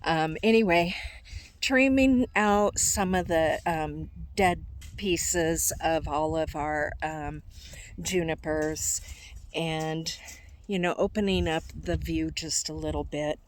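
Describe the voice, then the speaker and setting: An older woman chatting casually on a vlog, short of breath in thin high-altitude air and halting as she searches for words. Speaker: vlogger. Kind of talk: casual rambling vlog chat.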